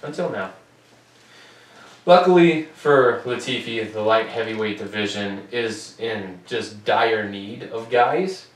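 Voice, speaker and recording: Slow and fairly low-pitched, a young man from the United States trades jokes and curses as co-host of a casual sports podcast. The microphone sits at a distance, so the sound is roomy with slight noise.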